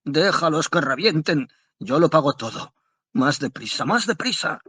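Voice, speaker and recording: A man voicing a panicked, desperate gentleman who urges on a coach with pleading shouts in a storybook reading. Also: on the high side, big pitch swings, normal speed, breathy edge, no room sound, pitched above the performer's own voice, full character voice. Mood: frantic.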